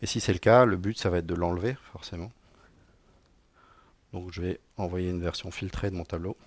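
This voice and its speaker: Low, steady, and brisk, this man's voice carries no room sound. He is a middle-aged technical director doing a live-coding talk at a conference, bantering with the audience through frequent fillers and dry jokes.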